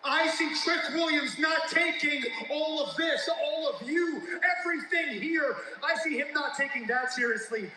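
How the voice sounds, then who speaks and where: A man's voice: very high-pitched, normal speed, few pauses. A man, a pro wrestler, giving a dramatic, intense promo in the ring and breaking into laughter. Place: arena ring. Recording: echoey arena broadcast with noise.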